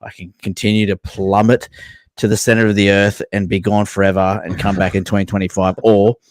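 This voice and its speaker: A man with a low voice hosts a sports podcast. He talks in loose, sweary slang like he's among mates, recorded close and dry. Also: flat delivery, brisk, a little mellow, no echo. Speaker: podcast host. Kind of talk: casual sports podcast banter.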